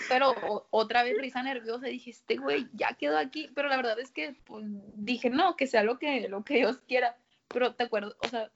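A woman's voice: fairly high pitch, fairly bright tone. A young woman with a Mexican accent, chatting casually and telling her side of a story in slang. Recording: dull lo-fi sound.

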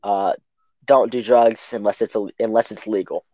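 A man's voice: fairly low pitch, fairly even intonation, moderate pace, dark tone, dry recording, poor audio. A teenage boy co-hosting a podcast, telling a long rambling story full of fillers and acted quotes in casual chat. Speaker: podcast co-host.

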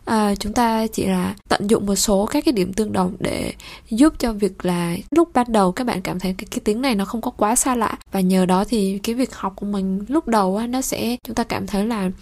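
A woman's voice: medium pitch, brisk, darkish tone. A woman with a Vietnamese accent hosting a podcast lesson, switching between French and Vietnamese and explaining patiently with frequent hesitation fillers.

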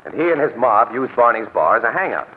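A man's voice: mid-range voice, sing-song, fast talker, close to an everyday voice. An American man playing a streetwise, easygoing newspaper photographer with casual slang in 1940s radio drama style. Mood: matter-of-fact. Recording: tinny, noisy old radio recording.

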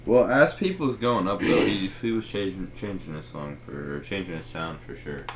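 A man's voice: low-pitched, normal speed, slight background noise. A young man chatting casually with friends, laid-back and swearing freely. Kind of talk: casual chat among friends.

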